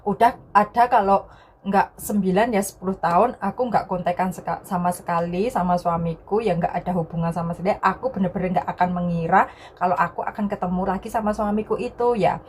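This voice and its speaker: In a casual vlog, a young adult Indonesian woman tells viewers a personal story, often repeating herself and ending sentences with a soft filler word. Her voice is lowish and brisk, with slight background noise.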